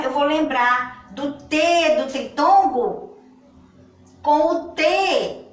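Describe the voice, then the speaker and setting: A woman with a Brazilian Portuguese accent teaching a children's grammar lesson, speaking slowly and patiently and stretching out her words. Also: high voice. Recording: echoey room, far from the mic.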